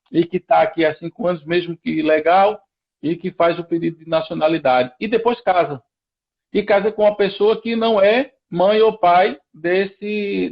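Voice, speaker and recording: With a high voice and vocal fry, a man from Recife lays out procedures step by step in Pernambuco-accented Brazilian Portuguese. He's a lawyer guest on a live stream who restarts often, and the sound is lo-fi.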